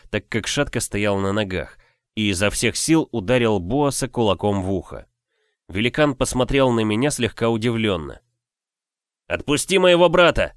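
Low-voiced man reading a novel aloud. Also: no echo, studio quality. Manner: measured, expressive reading. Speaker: audiobook reader. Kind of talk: first-person novel narration.

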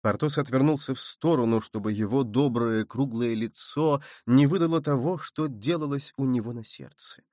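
A man narrating a classic adventure novel in a measured, expressive reading. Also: mid-range voice, dry recording, clean studio sound. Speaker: audiobook reader. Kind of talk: scripted narration.

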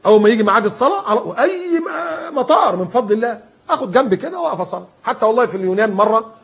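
A man preaching in a colloquial style with an Egyptian accent. He is animated and emphatic, and he acts out the people he quotes. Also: extremely high pitch, rapid-fire, gravelly, breathy edge. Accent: Egyptian Arabic. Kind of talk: colloquial sermon.

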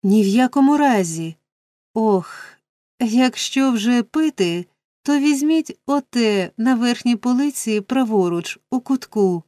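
A woman's voice: on the high side, animated, takes it slowly, dark tone, no room sound, clean studio sound, pitched above the performer's own voice. A woman reading a storybook, voicing a fussy middle-aged matron who speaks breathlessly and theatrically. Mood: coy.

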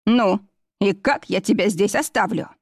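A joking, fussy middle-aged man, a pathologist, who drags his words out slowly, read by a woman narrator. the recording is dry and close, storybook style. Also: mid-range voice, gravelly, a little mellow, no echo.

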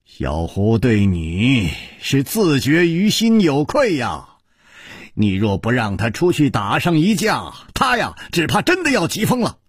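A man voicing a calm, wise male hero who speaks in a measured, reflective way. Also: medium pitch, slightly rough, no echo, clean studio sound, voice pushed up, heavily acted.

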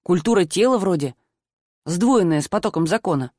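A woman narrating a first-person audiobook in an expressive voice, acting out the dialogue. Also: fairly low pitch, normal speed, no room sound, clean studio sound.

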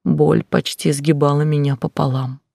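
A man narrating a first-person novel in a quiet, intense, often whispered delivery. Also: fairly high pitch, level tone, normal speed, creaky, no room sound, clean studio sound. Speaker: audiobook narrator.

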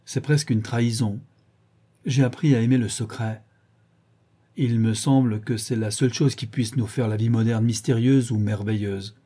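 A man's voice: medium pitch, warm tone, husky, close to an everyday voice. A man voicing an earnest, secretive young painter who speaks in a confiding way.

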